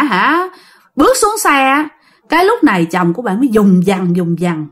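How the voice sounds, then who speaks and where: A woman's voice: fairly high pitch, breathy edge. A woman with a Southern Vietnamese accent telling a ghost story in a chatty way, addressing listeners directly.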